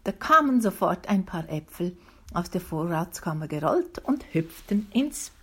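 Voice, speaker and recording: A woman calmly reading a children's book aloud, slowly and deliberately. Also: lowish voice, breathy edge. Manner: slow, calm, deliberate reading. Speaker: reader.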